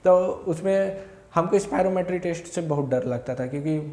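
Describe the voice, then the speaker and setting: A man's voice: high voice, normal speed, warm tone. A young man from India, telling a rambling, self-correcting story of his own as a vlogger. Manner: rambling, self-correcting, quotes others in short bursts. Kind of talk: casual first-person recounting. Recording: echoey room.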